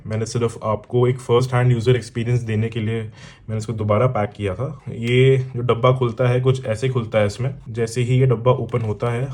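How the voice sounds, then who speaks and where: Here a male motorcycle vlogger and product reviewer with an Indian accent talks in a mid-range voice that's a little mellow. His unboxing is casual and mixes Hindi and English. He explains as he goes, speaking directly to viewers, offering examples and checking in with them.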